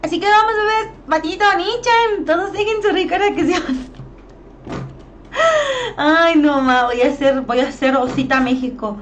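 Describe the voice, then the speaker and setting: A woman's voice: very high voice, a little fast, hardly any pauses, highs cut off, a little hiss or hum. A young woman with a Mexican Spanish accent streaming a game, chatty and playful as she greets viewers by name. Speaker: gaming streamer. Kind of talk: live-stream commentary, greeting chat.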